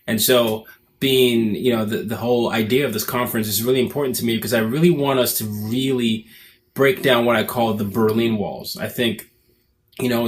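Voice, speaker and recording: A man in his twenties from Nigeria with an American accent, talking casually to camera in an earnest, reflective way as a summit speaker. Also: lowish voice. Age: 20s. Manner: earnest, reflective, thinks aloud.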